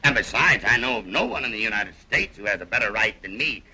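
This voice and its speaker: A man's voice: lowish voice, lively intonation, fast talker, sharp tone, full character voice, rough recording. An actor playing a boisterous, showman-like American millionaire in a 1930s film. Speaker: American millionaire castle owner. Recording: old film soundtrack with music.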